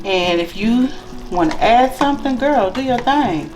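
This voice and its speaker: A woman's voice: fairly high pitch, animated, measured pace, echoey room, over music, low-quality recording. A woman hosting a casual cooking vlog, chatty and calling her viewers y'all and child. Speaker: cooking channel host. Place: home kitchen.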